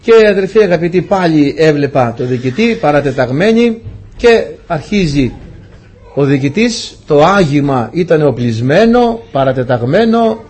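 A man's voice: on the high side, expressive, darkish tone, husky. A man preaching a testimony sermon, telling his story earnestly and often turning to address the congregation as dear brothers.

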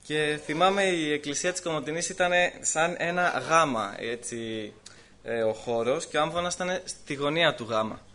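A man with a fairly high-pitched voice gives a personal testimony in church. He tells his story in a lively way, with laughter, hesitations and voiced quotes.

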